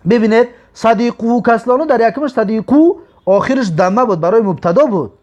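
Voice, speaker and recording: A man teaching an Arabic grammar lesson, drawing out example words slowly between quick explanations. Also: very high voice, a little mellow, highs cut off. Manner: slow drawn-out example words, quick asides.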